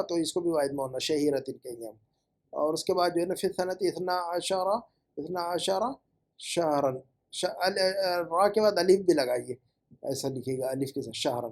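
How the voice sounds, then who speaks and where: Patient man correcting homework. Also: fairly high pitch. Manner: patient, correcting and repeating forms slowly. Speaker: Arabic teacher. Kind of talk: homework review lesson.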